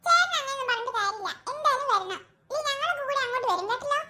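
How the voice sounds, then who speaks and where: A voice actor doing very high chirpy cartoon children. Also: animated, racing, pushed and bright, heavily acted. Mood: insistent. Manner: pleading, chirpy. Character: small children, pleading and clingy. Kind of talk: animated cartoon voice acting.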